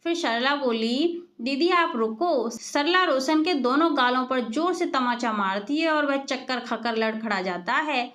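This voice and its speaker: A woman narrating a storybook tale in a plain, steady way. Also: high-pitched, measured pace, hardly any pauses.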